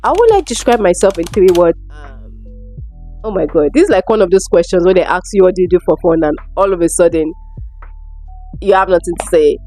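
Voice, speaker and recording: Expressive and brisk, her low, warm voice rides over faint background music. The young adult vlogger from Lagos, Nigeria, talks casually to camera with a Nigerian accent, fielding viewer questions and leaning on emphatic repetition.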